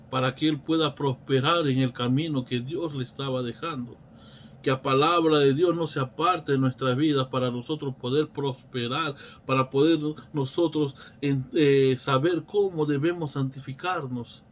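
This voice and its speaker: A man's voice: mid-range voice, slight background noise. Man leading a Bible study. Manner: preacherly, with rhetorical questions and frequent restarts.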